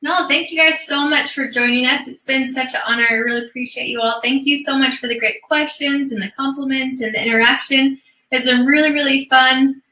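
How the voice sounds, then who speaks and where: Female webinar co-host, effusive and warm, bright tone, off-mic in an echoey room. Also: high voice, steady tone, a little fast, distant mic, a little hiss or hum. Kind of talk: casual webinar chat.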